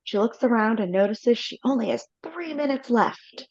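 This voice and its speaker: Her voice fairly high and a little mellow, a woman narrates stage directions at normal speed with lively intonation during a live script read-through. She reads steadily with small slips, and the video call audio through her computer mic sounds slightly dull.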